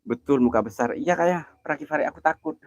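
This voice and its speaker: A man's voice: fairly high pitch, brisk, no room sound. A man hosting a live ghost-hunting stream, chatting nervously with viewers and calling out their names. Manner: jumpy, chatty, greets viewers by name, nervous exclamations. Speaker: livestream host. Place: outdoors at night near an old well.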